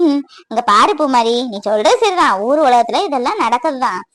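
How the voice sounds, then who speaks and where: Cartoon: kind sister-in-law voiced by a woman, high pitch, dry sound, reassuring. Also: animated, normal speed, a bit bright, no echo. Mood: soothing. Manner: soothing, reassuring. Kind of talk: cartoon voice acting.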